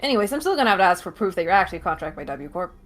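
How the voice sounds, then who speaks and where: 一位女性在游戏台词朗读中扮演贪财、玩世不恭的女雇佣兵，语气随意轻佻，带着粗口和俚语，背景有轻微音乐。. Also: female voice, on the low side, very animated, racing, a bit bright. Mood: wary, flippant. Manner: flippant, casual, foul-mouthed. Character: brash, mercenary woman fixer, slangy and cynical. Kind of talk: dramatic live read of game dialogue. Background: faint music.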